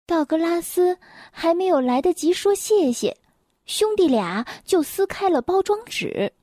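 A woman reading a children's picture book aloud, gentle, clear and expressive. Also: very high voice, a little slow, no room sound, clean studio sound. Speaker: storyteller.

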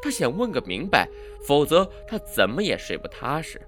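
A man narrating a horror story in a dramatic, suspenseful way, swinging between hushed and loud delivery. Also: a little high, huge pitch swings, normal speed, faint music behind.

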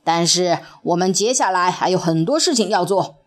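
Woman playing a bold captain, commanding, lively pitch, storybook. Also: moderate pace, close to an everyday voice. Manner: commanding, upbeat. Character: brave confident male captain.

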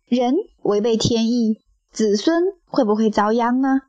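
Soft wondering young disciple, slow, slightly high, dry, as a woman narrator does him. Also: steady tone, dry recording, lo-fi sound, lightly acted. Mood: pondering. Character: skeptical pondering young male disciple.

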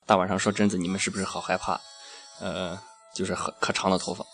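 A man's voice: low-pitched, level tone, fast, a bit bright. A man hosting a radio show in a casual, irreverent chat full of crude slang. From Shaanxi, China. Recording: music behind the voice. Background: background music.

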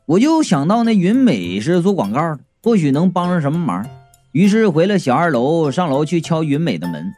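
A man's voice: on the high side, big pitch swings, brisk, darkish tone. A man narrating a comic ghost audiobook in the first person, with wry, jokey asides. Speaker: storyteller. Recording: faint background music.

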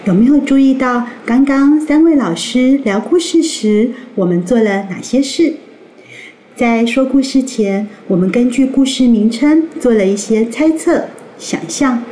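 Playful woman teacher in a roomy space. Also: on the high side. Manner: bright, playful, curious tone for kids. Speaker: reading teacher. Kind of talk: children's reading lesson.

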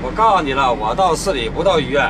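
An actor playing a curt, irritated bus driver. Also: male voice, medium pitch, expressive, quick pace, noisy background, lightly acted.

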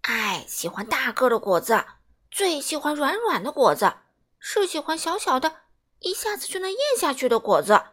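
A woman's voice: high-pitched, sing-song, moderate pace, fairly bright tone, heavily acted. A woman voicing a big, loving father T. rex in a storybook. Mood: tender. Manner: soothing, fond.

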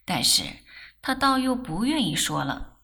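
A woman reads a novel aloud in a measured, unhurried way, her voice bright and clear. Her pitch moves expressively from phrase to phrase, and she never rushes a sentence. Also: sing-song. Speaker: audiobook narrator. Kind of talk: novel reading.

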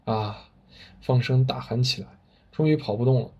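A man's voice: mid-range voice, brisk, husky, dull audio. A man telling a story with vivid, dramatic narration. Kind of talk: spoken storytelling.

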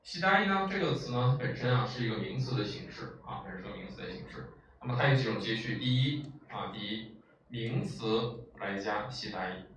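At medium pitch with lively intonation, a man talks a little fast in a slightly bright voice while teaching a language class as a lecture. Explanatory and patient, he fills pauses with sounds and keeps checking in rhetorically. It's recorded far from the mic in an echoey room with faint noise.

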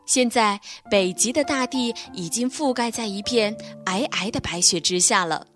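A young woman telling a children's bedtime story in a gentle, expressive reading voice. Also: a little high, normal speed, faint music behind.

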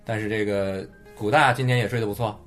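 A man's voice: lowish voice, steady tone, fairly quick, soft background music. A man hosting a casual Chinese podcast chat with guests. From China. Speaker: podcast host.

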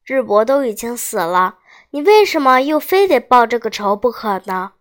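A woman voicing a male lord who is stern yet magnanimous, speaking in a measured, grave manner. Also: fairly high pitch, sing-song.

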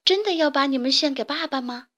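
A woman's voice: sits high, a little fast, pushed and bright, voice pushed up. A woman doing a timid little fox girl, tearful. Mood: conflicted. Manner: whimpering, pleading storybook voice. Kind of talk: children's audiobook character voice.

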